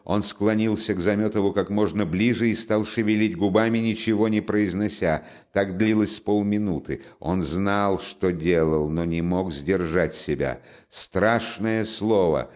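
A man narrating a classic novel in an expressive, measured storytelling manner. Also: fairly low pitch. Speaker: audiobook narrator. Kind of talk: literary audiobook narration.

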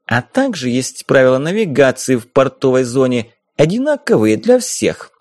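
A man's voice: mid-range voice, big pitch swings, moderate pace, a little mellow, no echo. A man voicing a pretty, strict young woman who lectures earnestly in an audiobook. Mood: insistent.

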